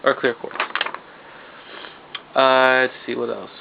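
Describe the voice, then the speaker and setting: Slow, flat, and creaky at a medium pitch, this young man vlogs casually through a congested nose, frequently starting sentences over. The home video sounds dull and lo-fi, carrying a faint hiss.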